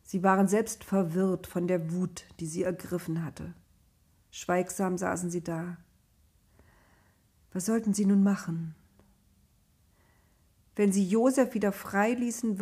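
Woman reading a bible story, calm, kinda husky voice. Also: mid-range voice. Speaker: narrator. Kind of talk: storybook narration.

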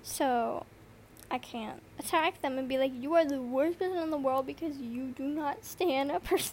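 Using an earbud mic in her noisy bedroom, a teenage podcast host chats solo in a high, slightly mellow voice with a faint hiss or hum in the background. She has a slight lisp, sounds exhausted from lack of sleep, and rambles along with plenty of swearing and fillers.

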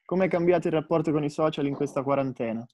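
A man's voice: a little high, fast talker, a little mellow. A young man co-hosting a casual podcast, putting questions to his guests. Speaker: podcast co-host.

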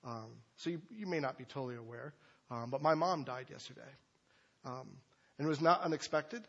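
A husky, slightly bright male voice in the mid range delivers a sermon at a brisk clip, part of a series he teaches as pastor. His style is conversational, loose with asides and fillers, and the audio is dull.

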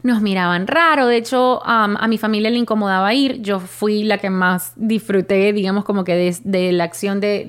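A young woman, casually telling her own life story with many fillers and restarts. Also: medium pitch. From Venezuela. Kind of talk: personal storytelling monologue.

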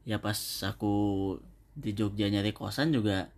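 A man's voice: fairly low pitch, steady tone, normal speed. A young man co-hosting a casual chat, speaking hesitantly and searching for words as he goes. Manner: hesitant, many fillers and restarts.

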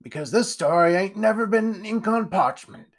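A man voicing a gruff, scarred old male captain who talks in old seafaring dialect with a growling manner. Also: high-pitched, lively intonation, normal speed.

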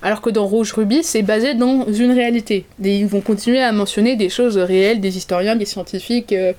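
A woman's voice: mid-range voice, fairly even intonation, brisk, a little mellow. A young woman co-hosting a podcast, talking casually about films in a chatty, wry, digressive way. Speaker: podcast co-host. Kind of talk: casual chat reviewing films.

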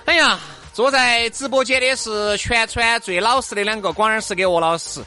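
A woman's voice: on the high side, normal speed, bright, forceful tone, faint music behind. A woman with a Sichuan accent, co-hosting a show in casual, teasing, playful banter. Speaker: co-host.

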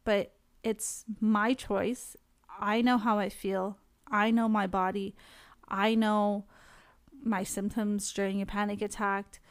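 A young woman speaks straight to her viewers in a candid, chatty way, with laughter slipping in between her points. Her voice sits at a middle pitch for a woman. The sound is close and dry, with no room around it. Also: flat delivery, takes it slowly, dry recording. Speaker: vlogger sharing her experience with anxiety. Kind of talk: casual direct-to-camera talk.

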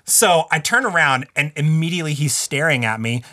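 A man's voice: on the high side, lively intonation, a little fast, bright, forceful tone. A man casually telling a long story on a podcast, rambling with lots of filler words and swearing.

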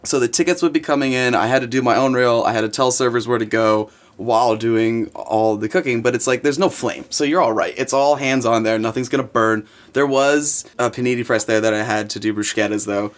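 A man's voice: medium pitch, steady tone, a little fast, hardly any pauses. A young man, a chef as guest, telling kitchen stories in a rambling, profane way with lots of fillers. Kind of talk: casual storytelling.

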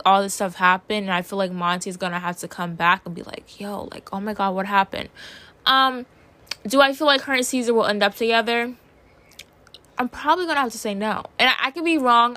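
A woman's voice: medium pitch, a bit bright. A young adult woman hosting a casual, opinionated chat to listeners, stumbling slightly with a jaw sore from tightened braces. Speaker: host of a show recapping and reviewing TV series.

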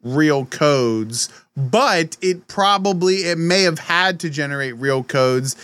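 A man's voice: on the high side, steady tone, measured pace, fairly bright tone, no room sound, clean studio sound. A man co-hosting a podcast in casual chat, joking and bantering playfully. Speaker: podcast co-host.

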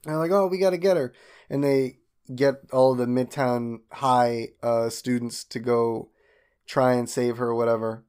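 A man's voice: a little slow, smooth. Young man animatedly recapping a cartoon. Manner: animated retelling, acting out quoted lines with sudden high-pitched voices. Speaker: podcast co-host. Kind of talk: casual chat recapping a cartoon.

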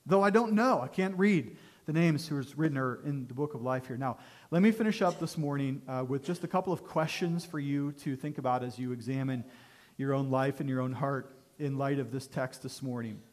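A man's voice: medium pitch, fairly quick. A man preaching a sermon as pastor, emphatic and direct, putting rhetorical questions to his congregation and checking in with "okay?".

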